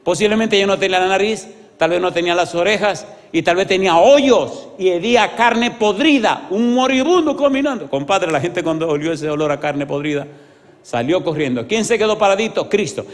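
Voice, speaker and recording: A man preaching an evangelistic sermon, swinging between loud exclamations and hushed pleading and asking the congregation many rhetorical questions. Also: high voice, lively intonation, brisk. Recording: reverberant hall sound.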